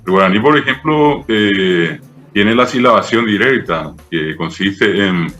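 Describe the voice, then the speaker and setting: Un hombre de mediana edad con acento paraguayo, profesor invitado que explica con paciencia y muchos "eh" y "¿verdad?". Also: male voice, fairly low pitch, expressive, a little slow, a bit bright, dull audio, faint music behind. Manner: patient, didactic, many fillers "eh" and "¿verdad?". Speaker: Guaraní language professor, guest. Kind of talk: explanatory interview talk.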